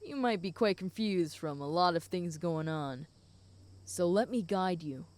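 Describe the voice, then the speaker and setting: A woman voicing a flirty, possessive and protective female werewolf in an intimate audio role-play, speaking teasingly to the listener in a smooth voice. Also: lowish voice, animated, unhurried. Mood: gentle, protective. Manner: flirty, teasing, with soft chuckles.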